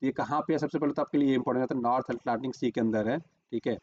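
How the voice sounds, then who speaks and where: A man's voice: medium pitch, racing, darkish tone, muffled recording. Man drilling exam facts. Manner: repeats "remember" and "okay" drilling points; explains while marking a map on screen. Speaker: exam-prep teacher. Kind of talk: current-affairs lesson.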